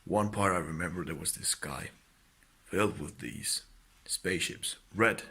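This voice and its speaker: A young man from Spain with an American accent, earnestly recounting dreams and exhorting listeners, halting at times before rising into fervent blessings. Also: sits low, bright, forceful tone, husky. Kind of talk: personal testimony and exhortation.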